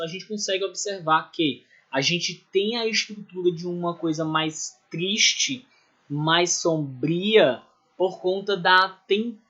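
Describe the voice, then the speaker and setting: Male art teacher, slightly high voice, explanatory and repetitive with tag questions, muffled lo-fi sound. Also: pushed and bright. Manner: explanatory, many "né?" and "ou seja" tags, self-corrections. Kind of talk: recorded online class lecture.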